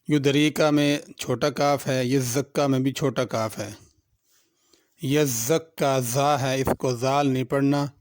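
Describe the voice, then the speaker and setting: Pakistani guy teaching quran tajweed, slow and patient, smooth resonant voice, dry close sound. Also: medium pitch, no room sound. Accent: Pakistani Urdu. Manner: patient, methodical, repeats each word slowly before explaining the rules. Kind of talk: tajweed lesson, alternating slow drawn-out recitation with spoken explanation.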